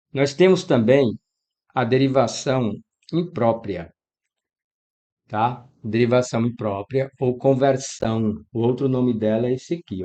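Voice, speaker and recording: A Brazilian man teaching an exam-prep grammar lesson, talking straight to his students and acting out their questions. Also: mid-range voice. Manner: lively, talks to students directly, acts out student questions. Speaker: Portuguese teacher.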